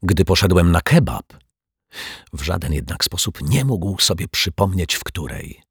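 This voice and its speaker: Man narrating a children's story, very low voice, husky, animated pitch, dry close sound. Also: unhurried, dry recording. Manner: lively, expressive storytelling. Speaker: audiobook narrator.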